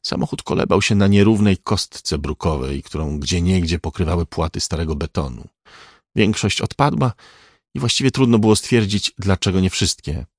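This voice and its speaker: Male narrator, very low voice, dry close sound, measured reading. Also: expressive, breathy edge, dry recording. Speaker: audiobook narrator. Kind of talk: scripted narration.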